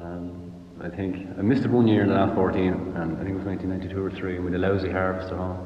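Man, deep flat voice, casual interview recollection, reverberant noisy sound. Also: rapid-fire. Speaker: pilgrim interviewee. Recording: muffled, echoey, noisy recording.

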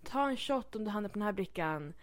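A woman's voice: mid-range voice, lively intonation. Chatty young woman telling stories. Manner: chatty storytelling, acts out quotes, many fillers. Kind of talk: casual chat.

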